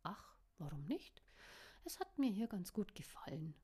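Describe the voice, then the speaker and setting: A woman voicing a playful, self-assured young woman with a breathy, teasing way of speaking. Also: medium pitch, lively intonation, moderate pace, dark tone.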